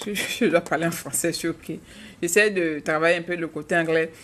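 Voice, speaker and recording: Her lowish voice moves fairly quickly as she runs a live stream, talking candidly with her audience and fielding their questions. She is an adult woman from Africa and the mother of a child.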